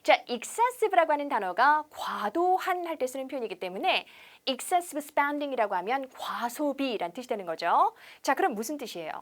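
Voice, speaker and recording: A woman teaching English on television. She explains in Korean, asks rhetorical questions and drills example sentences slowly. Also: high voice. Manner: lively instructor patter with rhetorical questions.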